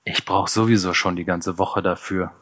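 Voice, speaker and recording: A man's voice: low voice, steady tone, normal speed, a bit bright. A man voicing a sullen young neo-Nazi who grumbles curtly, in an audiobook. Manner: grumbling, curt.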